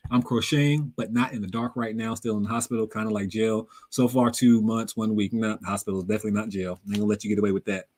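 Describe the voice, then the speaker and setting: A young man hosting a casual live Q&A, reading viewer comments aloud and answering them in a relaxed, slangy way, laughing often. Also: on the low side, quick pace, hardly any pauses. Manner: relaxed, conversational, drops words into everyday slang. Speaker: livestream host reading chat.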